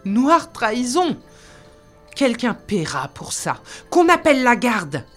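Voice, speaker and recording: A fat old royal counselor who frets and squeals, pitching his cries high and loud over a faint music bed, as a woman acts him out. A man of words rather than deeds, always in a flutter. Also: lively intonation, unhurried. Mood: panicked. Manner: shrill, fretful exclamations. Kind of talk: audiobook character voice.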